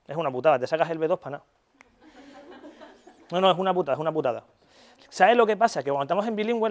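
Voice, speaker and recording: Chatty Spanish man lecturing casually. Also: fairly high pitch. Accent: Spanish (Spain). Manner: casual, chatty, frequent "¿vale?" check-ins; colloquial, swears in jest. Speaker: neuropsychology lecturer. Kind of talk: university lecture.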